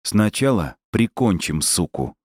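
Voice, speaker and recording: A grim police partner speaks in clipped, terse lines, as a man plays him in an audiobook. The voice is low and the recording dry and close. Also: big pitch swings, unhurried, darkish tone, dry recording.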